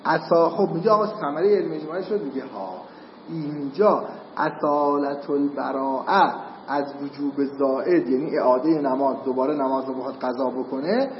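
A man's voice: a little high, slight background noise. A man teaching a seminary class on jurisprudence, explaining step by step and often checking that students follow. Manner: explanatory, checks understanding with "got it?". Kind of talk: lecturing on Islamic jurisprudence. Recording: echoey hall, muffled lo-fi sound.

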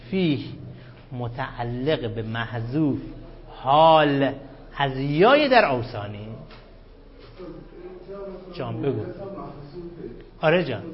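A grammar teacher with a fairly high voice lectures his class, firing questions at the students and slowly repeating key terms. The audio is dull and lo-fi, with classroom sound around him.

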